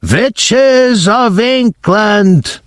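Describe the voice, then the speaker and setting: A man reading aloud and voicing a tyrannical female witch leader who screams slowly in stiff, clipped phrasing. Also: high-pitched, dry recording, studio quality, pitched above the performer's own voice. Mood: furious. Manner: slow, screaming, clipped foreign-sounding syntax.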